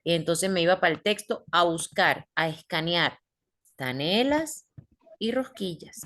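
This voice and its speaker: A woman's voice: lowish voice, animated, a little slow, a bit bright. Patient woman teacher explaining step by step. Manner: patient, explains step by step, asks the class questions. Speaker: English teacher. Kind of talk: online class teaching.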